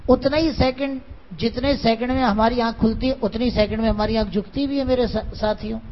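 A man giving a sermon to students, pressing them with rhetorical questions, quoting his spiritual guide, and raising his voice at times for emphasis. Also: very high-pitched. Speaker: religious teacher addressing students. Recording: dull lo-fi recording with faint background hiss.

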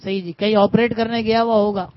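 A man's voice: high-pitched, flat delivery. A middle-aged man, preaching a sermon in a conversational way, teasing his listeners and calling them brother. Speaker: religious teacher. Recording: muffled lo-fi recording.

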